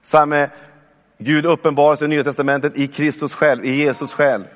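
A man's voice: fairly high pitch, fairly even intonation. A man in his forties delivers a sermon in a church hall. His voice carries a long reverb, and he keeps urging his listeners on with calls of "come on". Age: 40s. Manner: warm, exhortative, with repeated calls of "come on". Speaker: preacher.

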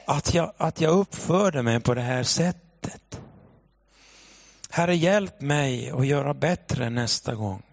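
A man in his thirties preaching a sermon in church, telling a personal story with animated delivery. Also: mid-range voice, creaky, no echo, studio quality. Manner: animated storytelling, shouting when acting out the scene. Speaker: pastor.

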